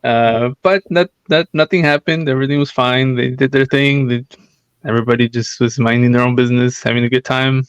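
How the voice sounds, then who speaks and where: Podcast co-host, man, smooth clear voice, dry close mic, relaxed and chuckling. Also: medium pitch, fairly quick, dry recording, highs cut off. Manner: relaxed, chuckling, easygoing asides. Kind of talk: casual chat.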